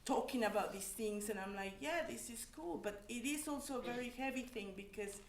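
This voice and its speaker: In an echoey room, a woman from Mexico testifies personally on an academic panel, halting and restarting as she reflects. Her pitch is fairly high, and there is slight background noise.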